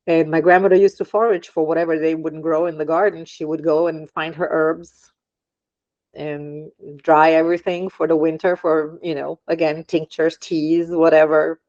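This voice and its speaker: Lady with a low voice, lots of ums, a bit muffled. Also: level tone, normal speed, a little mellow, dry recording. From Germany. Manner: hesitant, many ums, laughs often. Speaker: podcast guest, aromatherapist. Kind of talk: casual interview chat.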